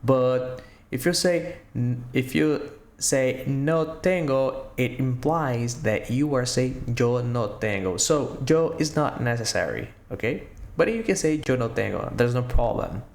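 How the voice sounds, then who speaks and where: A man teaching a language lesson, slowly repeating short phrases and quizzing the listener, with slightly non-native English phrasing. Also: mid-range voice, animated, vocal fry, darkish tone, reverberant. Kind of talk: slow spoken language lesson.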